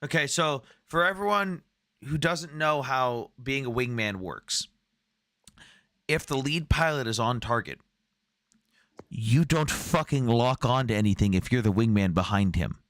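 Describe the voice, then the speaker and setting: A man's voice: medium pitch, a little slow, no echo, studio quality. A man hosting a live debate stream in casual chat, telling stories with a lot of swearing and acting out the quotes. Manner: animated storyteller, swears freely, acts out quotes.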